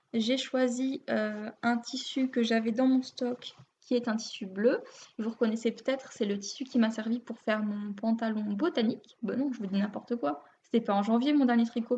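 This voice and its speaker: A woman's voice: on the high side, warm tone. A woman with a French accent hosting a knitting video podcast, chatting casually and a bit self-deprecatingly, with many fillers. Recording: muffled lo-fi home recording.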